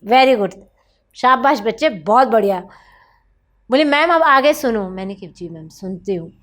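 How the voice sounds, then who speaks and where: High-voiced woman recounting a counselling case. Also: expressive, unhurried. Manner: acts out dialogue, dropping to soft asides. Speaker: child counsellor.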